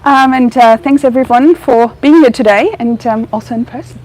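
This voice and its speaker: A woman's voice: on the high side, moderate pace, darkish tone, low-quality recording. A young woman from Germany with a German accent tinged with Australian, a research veterinarian giving a chatty public talk full of ums and restarts. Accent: German with some Australian. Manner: chatty, frequent ums and self-corrections.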